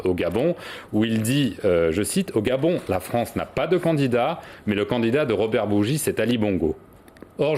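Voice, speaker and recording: A man with a low voice giving news analysis as a studio journalist. He stumbles, hesitates and repeats words as he explains. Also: a little mellow.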